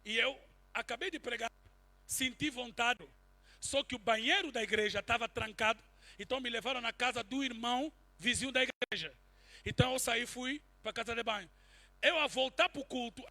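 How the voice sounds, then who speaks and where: A man preaching a sermon and telling a personal testimony, swinging from quiet asides to shouted peaks. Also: very high-pitched, fairly quick. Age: adult, married since 2010.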